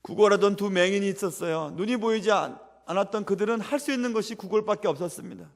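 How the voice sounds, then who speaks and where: A man's voice: sits high, fast, creaky. A male pastor delivering a sermon in a church sanctuary, preaching with an earnest, repetitive cadence. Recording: long church-hall reverb.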